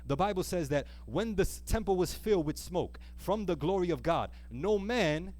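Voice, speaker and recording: In a live church service, a man with a high, animated and slightly mellow voice preaches at a moderate pace. Earnest throughout, he reads scripture aloud, puts rhetorical questions to the congregation and extends key phrases for emphasis.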